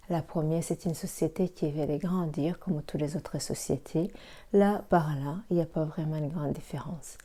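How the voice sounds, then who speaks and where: Woman from Rwanda, very dark mellow tone, lowish voice, steady prepared talk, occasional hesitations. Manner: reads steadily with hesitant fillers. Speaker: pharmacy assistant and network marketer. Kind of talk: prepared presentation.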